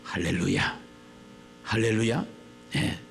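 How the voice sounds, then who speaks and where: A male pastor preaching a sermon. He repeats phrases for emphasis and swings from low murmurs to shouted lines. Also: steady tone, slow, creaky, slight background noise.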